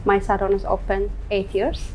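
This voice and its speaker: Woman from ethiopia answering interview questions, halting english, lots of uh and um, lapel mic indoors, little bit of background hiss. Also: medium pitch, completely flat delivery, darkish tone. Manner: hesitant, many fillers, simple second-language English. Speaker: salon owner, guest. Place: indoor room.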